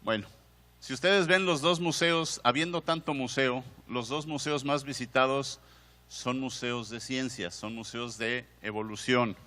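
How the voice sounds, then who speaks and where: At a measured pace, a man with a Mexican Spanish accent, a museum director, delivers a conference lecture in a conversational tone, putting questions to listeners and frequently restarting. His mid-range voice is steady, bright, and forceful, with long reverb from the hall.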